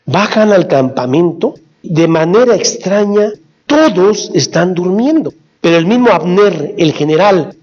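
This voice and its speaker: High-voiced Mexican preacher. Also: male voice, darkish tone. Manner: earnest, exhorting, retelling scripture. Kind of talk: sermon. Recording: dull lo-fi recording.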